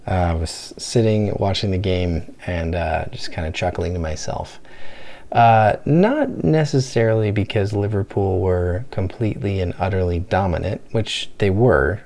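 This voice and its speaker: A man hosting a football fan channel, giving a casual match reaction in a hushed, half-whispered voice from home at night, rambling with many restarts. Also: sits low.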